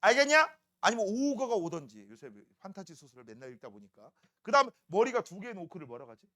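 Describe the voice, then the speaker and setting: A man's voice: sits high, very animated, quick pace, bright, forceful tone. A man teaching a middle school science class, joking and teasing students and constantly asking if they follow. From South Korea.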